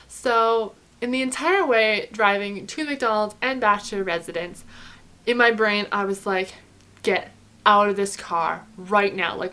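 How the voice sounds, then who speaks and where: Young woman vlogger, mid-pitched, chatty storytime delivery, animated and profane. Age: young adult. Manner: animated, chatty, swears freely, lots of "like". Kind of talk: casual storytime.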